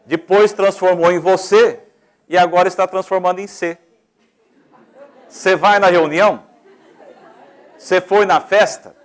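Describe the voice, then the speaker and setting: A man's voice: sits high, fairly even intonation, a little slow, pauses often, some chatter behind. A man with a Brazilian Portuguese accent giving a didactic lecture on public speaking, explaining step by step and shifting his volume and pace freely.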